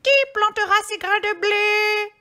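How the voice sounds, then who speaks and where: A woman voicing a hardworking little red hen in a high, calling storybook voice. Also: little pitch movement, unhurried, bright, forceful tone, heavily acted.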